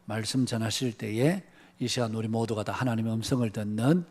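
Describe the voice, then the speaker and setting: Husky man introducing the preacher. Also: on the low side, a little fast, darkish tone. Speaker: worship leader introducing the speaker. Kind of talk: formal church announcement.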